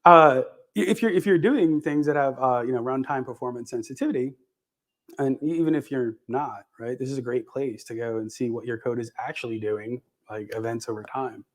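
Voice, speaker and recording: Man presenting on stage at a tech conference, loose and irreverent, swears freely, chatty with fillers, gum in his mouth, ordinary middle pitch. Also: brisk. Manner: casual, profane, lots of fillers and restarts. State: chewing gum while talking. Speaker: conference speaker. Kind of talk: live tech talk demo.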